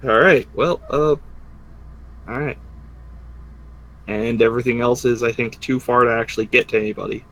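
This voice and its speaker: A man's voice: mid-range voice, steady tone, moderate pace, long pauses, fairly bright tone. A man running a tabletop game as game master in a group voice chat, informal and thinking aloud.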